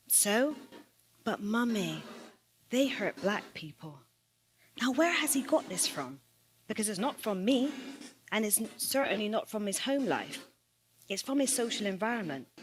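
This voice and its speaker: A woman's voice: a little high, fairly bright tone. A woman, an assistant principal, giving an earnest personal speech and building her points with a repeated rhetorical refrain. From United Kingdom.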